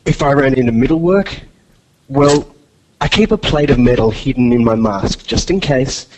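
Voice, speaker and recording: A man doing a cocky Australian ninja braggart, husky-voiced. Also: mid-range voice, moderate pace, a little mellow, close to an everyday voice, rough recording. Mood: boastful. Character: boastful masked male ninja fan, cocky. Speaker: interview guest. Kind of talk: comic podcast character interview.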